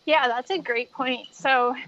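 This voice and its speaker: A woman chatting casually as a podcast guest, in halting phrases with a giggly manner, on slightly lo-fi audio. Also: high voice, steady tone, fairly bright tone. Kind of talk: casual chat.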